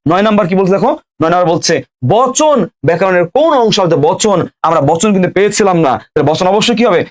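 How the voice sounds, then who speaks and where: A man's voice: sits high, animated, fast talker. A young man teaching a live online grammar class, repeating each question and answer as he quizzes students.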